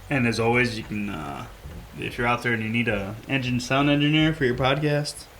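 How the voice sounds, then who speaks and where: A man's voice: mid-range voice, fairly bright tone, rough recording. Guy hosting a podcast, mid voice, lots of uhs and ums, faint hiss. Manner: halting, filler-heavy, thinking aloud. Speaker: podcast host. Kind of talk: casual chat.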